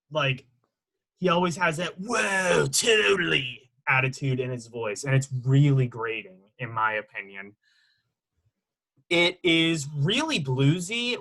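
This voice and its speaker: Bright-voiced young man giving opinions. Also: on the high side, poor audio. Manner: rambling, hedges with "in my opinion". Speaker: podcast co-host. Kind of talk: casual music review chat.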